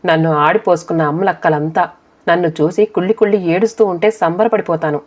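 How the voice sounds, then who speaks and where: ఒక మహిళ చదువుతూ పలికిన కష్టజీవి, ఆత్మగౌరవం గల వృద్ధ పల్లెటూరి తల్లి, భావోద్వేగంతో మాట్లాడుతుంది. కథ చదివే స్వరంలోనే కొంచెం తగ్గు స్థాయి గొంతుతో పలుకుతుంది. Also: female voice, on the low side, steady tone, brisk, a little mellow, lightly acted. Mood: proud, joyful. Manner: emotional, pleading. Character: older village mother, hardworking, proud.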